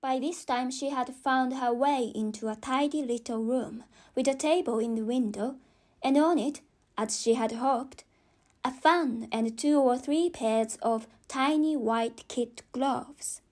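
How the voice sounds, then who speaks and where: A woman's voice: high-pitched, measured pace, darkish tone. A woman with a non-native English accent reading a children's story as an audiobook narrator.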